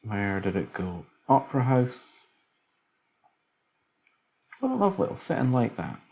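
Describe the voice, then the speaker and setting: A man's voice: mid-range voice, very animated, unhurried, gravelly, darkish tone. A man casually commentating a city-building game, musing aloud as he builds, tired late at night. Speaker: let's play commentator.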